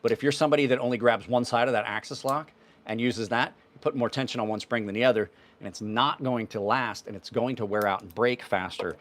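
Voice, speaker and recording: A knife channel host in his fifties talks briskly at a medium pitch during a casual livestream, rambling through viewer questions in an offhand manner.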